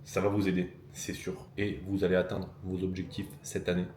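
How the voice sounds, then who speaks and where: A man's voice: low-pitched, monotone, moderate pace, reverberant, noisy background. A man coaching his viewers in a motivational vlog, talking with self-assured emphasis and repeating his key phrases. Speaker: fitness and business coach. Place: lives abroad in Bangkok.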